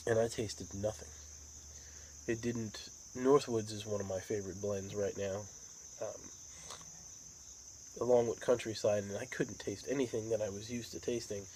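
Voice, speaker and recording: American male hobby vlogger, lowish voice, unhurried rambling chat, crickets and outdoor noise behind. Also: steady tone, mellow, low-quality recording. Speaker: pipe tobacco vlogger. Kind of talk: casual rambling monologue.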